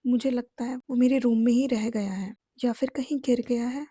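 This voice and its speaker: A woman's voice: on the high side, fairly even intonation, moderate pace, warm tone, breathy edge, no echo, studio quality. A woman reading the lines of a playful young bride in a storybook romance. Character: cheerful young bride Ana.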